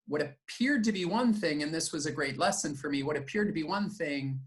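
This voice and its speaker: A middle-aged man, born in the United States and raised in Japan, telling his life story in a reflective, measured way as an interview guest. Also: on the high side, lively intonation. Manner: reflective, measured, with fillers and restarts. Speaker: guest, company founder and CEO.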